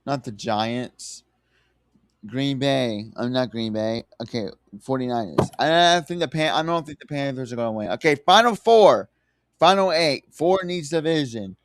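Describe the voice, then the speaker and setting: A man's voice: mid-range voice, animated, normal speed, no room sound, clean studio sound. Southern-drawling man in casual sports chat. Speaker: sports livestream host.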